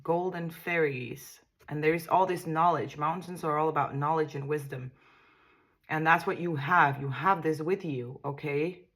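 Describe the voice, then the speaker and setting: This Danish-accented woman has a deep, slightly bright voice and an unhurried delivery. Reading tarot casually for the camera, she muses to herself, reassures the viewer, and keeps repeating and restarting what she says.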